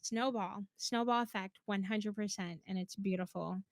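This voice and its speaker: A woman's voice: medium pitch, fairly even intonation, normal speed, no echo. Upbeat woman hosting a casual interview. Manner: upbeat, enthusiastic, laughs often. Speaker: interview host.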